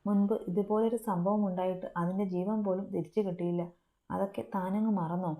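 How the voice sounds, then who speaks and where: A woman's voice: mid-range voice, steady tone, a little fast, dark tone, natural voice. A woman voicing an agitated, scolding middle-aged male college principal in a story reading. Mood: stern. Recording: roomy echo.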